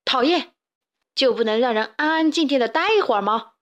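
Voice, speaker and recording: A woman's voice: high voice, expressive, brisk, fairly bright tone, highs cut off. A woman doing a huffy rooster leader. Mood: angry. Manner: huffy, indignant. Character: grumpy rooster father, chicken coop leader.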